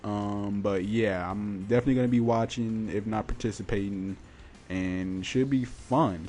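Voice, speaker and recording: A man's voice: on the low side, mellow, a little hiss or hum. A man hosting his own gaming podcast, talking informally and colloquially in casual solo commentary. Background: music.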